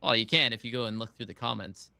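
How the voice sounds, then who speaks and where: A man's voice: medium pitch, quick pace, gravelly, pushed and bright, dry recording. A man co-hosting a casual podcast chat, talking hesitantly and laughing easily. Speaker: podcast co-host.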